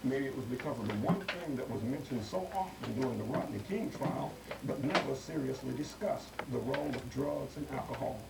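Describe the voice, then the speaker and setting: Gravelly man on an old VHS tape. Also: medium pitch, animated, roomy sound, distant mic, very noisy. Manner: measured, pointed editorial delivery. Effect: TV broadcast taped on old VHS. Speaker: news commentator. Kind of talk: read commentary.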